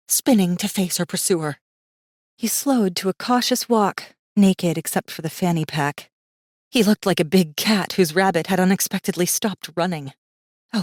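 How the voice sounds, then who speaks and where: A female audiobook narrator with a fairly low voice dramatically tells a fantasy story, her delivery tense and suspenseful. The recording is close and dry, with no echo.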